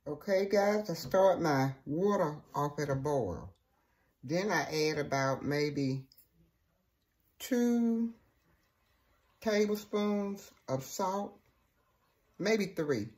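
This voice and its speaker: A woman's voice: deep voice, animated, very slow, long pauses, a little mellow. A woman hosting a home cooking show, talking folksy and chatty through each step in her kitchen. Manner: folksy, chatty, says "okay" often. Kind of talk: casual cooking demonstration. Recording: noisy home kitchen recording.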